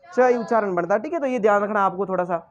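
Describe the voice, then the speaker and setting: A man's voice: sits high, quick pace, muffled recording. A male teacher giving a lesson, quizzing the class with repeated questions and then answering them himself. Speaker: English teacher.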